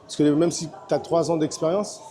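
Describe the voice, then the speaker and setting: A personal trainer from French Guiana, a man in his thirties, chats casually in a large gym. His slightly high voice is steady and moderately paced, though he hesitates and uses lots of fillers.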